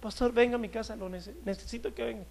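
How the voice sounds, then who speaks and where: A man voicing a tearful wife who quietly pleads with her pastor for help. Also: on the high side, fairly even intonation, fast talker, creaky. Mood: pleading.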